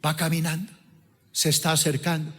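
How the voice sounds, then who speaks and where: A man's voice: fairly high pitch, little pitch movement, a little fast, fairly bright tone. A man, preaching a dramatic sermon as pastor and acting out scenes. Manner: dramatic, acts out scenes with voices. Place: large church auditorium. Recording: long church-hall reverb.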